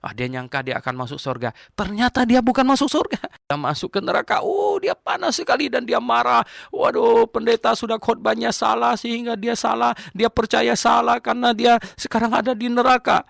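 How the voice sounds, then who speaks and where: An older man delivers a Bible teaching sermon with gravelly warmth. He hammers on repeated phrases and drops in small chuckles. The sound is close and dry. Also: very high voice, a little fast, no echo. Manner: emphatic, animated, repeats key phrases; chuckles between points. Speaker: pastor.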